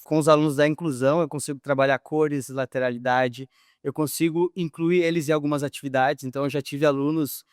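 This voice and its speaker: Measured male PE teacher, clear voice. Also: a little high, fairly even intonation, dry recording, studio quality. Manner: thoughtful, hesitant with many fillers. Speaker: physical education teacher. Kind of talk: interview answers.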